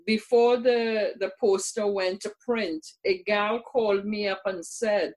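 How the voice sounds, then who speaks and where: Older woman, earnest, emphatic, casual chat, mid pitch. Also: fairly even intonation, unhurried, darkish tone. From Trinidad and Tobago. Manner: earnest, emphatic, repeats words for stress. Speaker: guest, community workshop presenter. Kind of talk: casual conversation.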